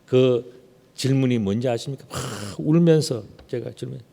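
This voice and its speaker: A man's voice: medium pitch, moderate pace, creaky, mellow. A man preaching a Sunday sermon in a church. He talks conversationally, asks many rhetorical questions and stretches out key words for emphasis. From Gyeongsang region, South Korea. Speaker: pastor. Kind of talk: Sunday sermon with personal storytelling. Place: church sanctuary. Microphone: unmasked behind a screen at the pulpit. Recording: long church hall reverb.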